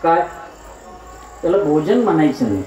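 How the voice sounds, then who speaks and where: A man's voice: fairly high pitch, very animated, moderate pace, warm tone. A man preaching a devotional kirtan sermon, posing rhetorical questions and answering them himself with wordplay. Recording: echoey hall, mic at a distance, music behind.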